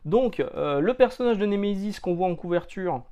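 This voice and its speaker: A man's voice: high-pitched, animated, normal speed, warm tone, clean tone. A man from France talking casually about comics, chatty and jokey, with lots of hesitant fillers. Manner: jokey, loose slang. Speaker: comics reviewer.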